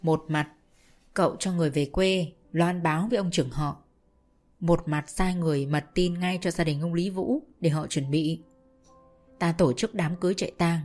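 A woman voicing a commanding middle-aged senior wife in a spoken story, giving brisk orders to the household. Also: lowish voice, a little mellow, soft background music, lightly acted.

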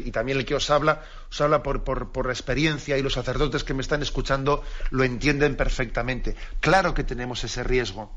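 Earnest priest on lo-fi radio. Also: male voice, mid-range voice, a bit bright. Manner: earnest, repeats key phrases for emphasis. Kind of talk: radio catechism talk. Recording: dull lo-fi radio broadcast.

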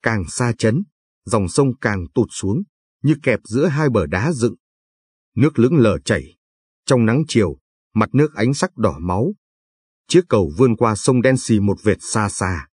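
A man narrating a literary novel in a steady, descriptive storytelling manner. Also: fairly low pitch, a little slow, breathy edge, dry recording. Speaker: audiobook narrator. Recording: dry studio read, faint music.

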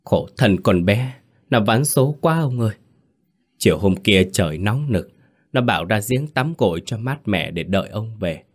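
A man's voice: lowish voice, lively intonation, normal speed. A man voicing a scheming second wife who fakes choked, sobbing grief in a spoken horror story. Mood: tearful wailing.

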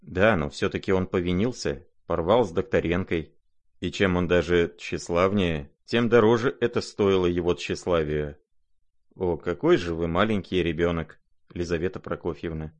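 A man voicing a gentle, naive young prince who speaks mildly and calmly. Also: low voice, normal speed, natural voice. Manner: mild, calm, soft-spoken.

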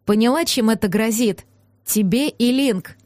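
A woman voicing a gruff, brooding man who speaks slowly and growls his clipped lines in anger. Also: fairly high pitch, darkish tone, no echo, clean studio sound, lightly acted. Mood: grim.

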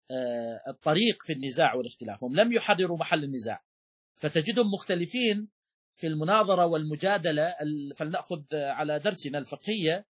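A man delivering a religious lesson, his voice a touch higher than most men's and slightly husky. He explains point by point at a measured pace, repeating key phrases and pausing with fillers to gather his thoughts. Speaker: sheikh teaching Shafi'i jurisprudence.

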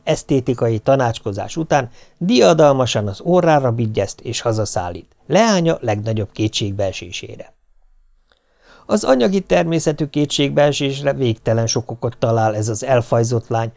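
A man's voice: mid-range voice, a little mellow. Wry man reading an audiobook. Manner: wry, ironic storytelling. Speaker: audiobook reader. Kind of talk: scripted narration.

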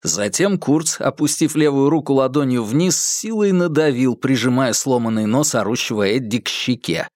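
A man reads a tense crime story aloud with lively, swinging intonation. His voice sits in an ordinary middle register, recorded close and dry. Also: medium pitch, normal speed, hardly any pauses, dry recording. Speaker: audiobook narrator. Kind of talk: dramatic audiobook narration.

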